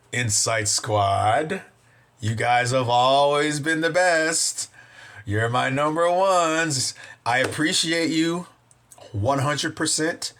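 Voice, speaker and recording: A man hosts his own vlog, chatting casually and upbeat with his viewers, rambling and saying "you know" a lot while thanking his audience. His voice is medium in pitch with a fairly bright tone.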